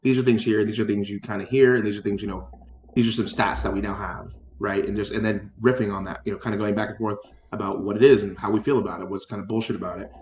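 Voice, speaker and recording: A man's voice: lowish voice, fairly even intonation, fast talker, darkish tone, roomy sound, a little hiss or hum. A man co-hosting a casual chat, rambling with many fillers and restarts and casual swearing. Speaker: podcast co-host.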